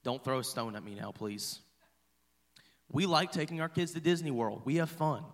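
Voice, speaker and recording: A man's voice: medium pitch, expressive, moderate pace. A man in his thirties, a pastor, telling a personal story in a chatty, playful sermon to his congregation. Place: church hall.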